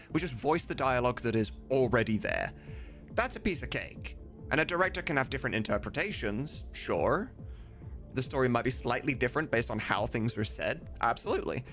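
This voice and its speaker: This game mod voice director and streamer talks loosely on his livestream, thinking aloud with energy, emphasis, and the odd mild curse. Music runs underneath, and his medium-pitched voice has a fairly bright tone.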